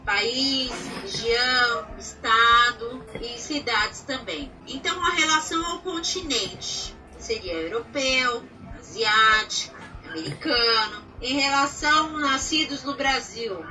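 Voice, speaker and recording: A Brazilian woman teaches grammar in an unhurried, patient way, pausing to ask if everyone follows. Her voice sits high and sounds very bright. She is recorded from some distance, with soft music in the background. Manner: patient, explains step by step with examples, checks in with "certo?".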